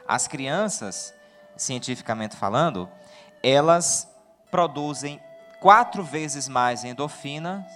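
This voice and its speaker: A man with a fairly high voice and a Brazilian Portuguese accent preaches a sermon in a lively, joking manner, frequently posing questions to his listeners.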